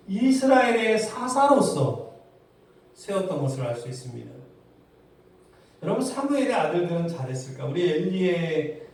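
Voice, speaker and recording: A pastor preaches a sermon, putting rhetorical questions to his congregation in a fairly high, darkish voice. The recording comes from a very echoey hall with a distant mic.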